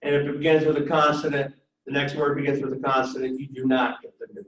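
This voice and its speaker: A man teaching Greek pronunciation in a classroom lecture, speaking step by step and pausing for an interpreter. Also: mid-range voice, level tone, fairly bright tone. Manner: slow, step-by-step, pauses for the interpreter. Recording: echoey room, distant mic, faint noise.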